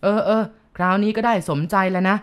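A woman's voice: mid-range voice, steady tone, fairly quick, lightly acted. A woman voicing a blunt middle-aged man who scolds coarsely. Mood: gruff.

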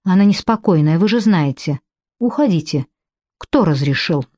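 A woman voicing a burly, gruff hospital orderly who barks orders, in an audiobook. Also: on the low side, expressive, moderate pace, mellow. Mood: bossy. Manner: barking, bossy.

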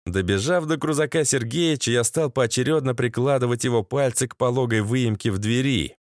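A man's voice: medium pitch, a little fast, dry recording, clean studio sound. A man narrating a first-person audiobook in a sardonic, crude, slangy manner.

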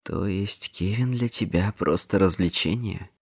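A man voicing a quiet, wary young man. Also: low voice, unhurried, husky, dry recording, clean studio sound, heavily acted. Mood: wary, flat. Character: guarded, puzzled young man.

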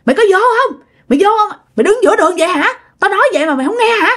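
A woman voicing a drunk, frightened old village man who shouts and curses. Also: high-pitched, very animated, fast, breathy edge, full character voice. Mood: drunk angry. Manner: panicked shouting and drunken cursing.

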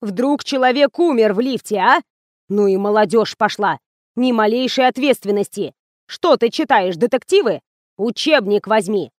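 A woman's voice: on the high side, lively intonation, normal speed, no room sound, studio quality, close to an everyday voice. A woman reading an audiobook, voicing a fussy, bossy middle-aged female doctor who scolds and blusters. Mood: scolding. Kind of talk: audiobook character voice.

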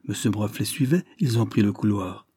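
A man's voice: fairly low pitch, moderate pace, dark tone, breathy edge, no room sound, studio quality. A man voicing a sly, ragged young boy who pleads and wheedles. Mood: pleading.

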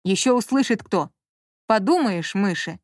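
A woman's voice: medium pitch, lively intonation, unhurried, no room sound, clean studio sound. A woman reading an audiobook and voicing a curt, impatient man who scolds and teases his partner. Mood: scolding. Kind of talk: audiobook character voice.

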